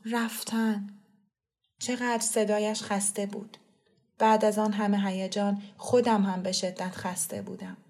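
A woman reading a story aloud as an audiobook narrator in a calm, even way. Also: mid-range voice. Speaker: audiobook reader.

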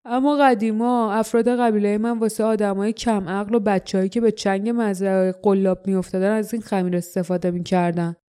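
A woman voicing a gruff, scornful male warrior who grumbles his lines in an audiobook. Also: mid-range voice, fairly even intonation, hardly any pauses, dark tone, natural voice. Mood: grumbling. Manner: grumbling, contemptuous. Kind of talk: audiobook character voice.

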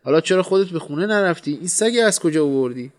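A man's voice: a little high, lively intonation, voice pushed up, lightly acted. A man voicing a blunt, teasing male friend in a storybook reading. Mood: brusque.

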